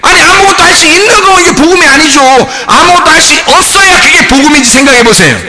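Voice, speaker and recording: A male pastor preaching a Sunday sermon, firing questions at the congregation and swinging from shouts to hushed tones. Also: very high-pitched, fast.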